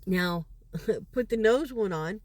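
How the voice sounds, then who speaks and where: Giggly older woman telling a story slowly. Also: mid-range voice, darkish tone, no room sound. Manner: giggly, laughs through her story. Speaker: grandmother vlogger. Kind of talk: casual storytelling.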